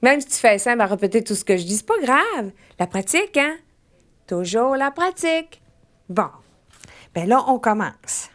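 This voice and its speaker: A woman with a Saguenay Québécois accent giving a mock language lesson, speaking slowly and drilling words for the class to repeat. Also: fairly high pitch, very animated, a bit bright. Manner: slow, deliberate drill-style teaching with repetition. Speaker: comic language teacher.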